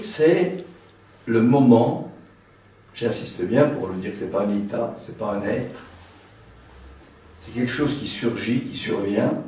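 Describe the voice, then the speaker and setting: A man who sings tenor gives a seminar lecture, talking haltingly with many restarts and a frequent tag word. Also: on the low side, mellow, a little hiss or hum. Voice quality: trained singer's voice, a tenor. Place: seminar room. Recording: very echoey room, mic far off.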